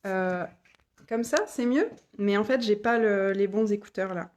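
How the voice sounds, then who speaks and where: Hosting a relaxed live stream from her home office, this human design guide reads out viewer comments, repeats them, and laughs a lot. Her mid-range voice is a little mellow and a little slow. The sound comes through a phone or laptop microphone.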